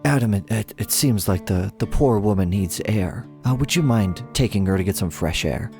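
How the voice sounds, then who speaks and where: A man voicing a smarmy, scheming gentleman who feigns polite concern with hesitant stammers. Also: on the low side, animated, moderate pace, soft background music. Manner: oily, hesitant, overly polite.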